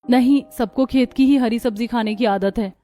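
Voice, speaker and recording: A woman's voice: a little high, steady tone, moderate pace, mellow, close to an everyday voice. A woman voicing a timid, hardworking young daughter-in-law in a cartoon story, speaking meekly and apologetically. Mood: anxious. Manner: meek, apologetic.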